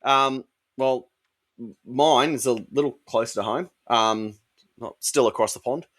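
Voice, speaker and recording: An Australian man co-hosting a casual beer podcast, talking in a measured way with many "um" fillers. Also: medium pitch, fairly bright tone. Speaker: podcast co-host.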